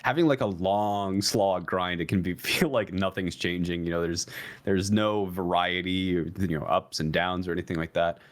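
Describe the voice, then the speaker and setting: Low-voiced man talking esports, rambling. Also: steady tone, moderate pace. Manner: rambling with many restarts and fillers, jumps higher when emphatic. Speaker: esports podcast co-host. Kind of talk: casual analytical chat.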